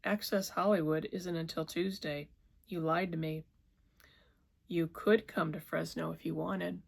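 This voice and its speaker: A woman's voice: sits low, fairly even intonation, measured pace, gravelly, exaggerated voice. A woman voicing a distraught young woman who pleads tearfully in a raised voice. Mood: hurt.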